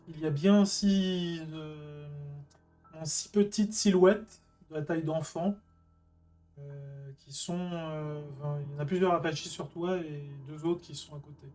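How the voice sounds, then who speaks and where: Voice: medium pitch, fairly even intonation, a little slow, darkish tone. Hesitant game master, faint music behind. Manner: hesitant, frequent filler sounds. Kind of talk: narrating a tabletop game.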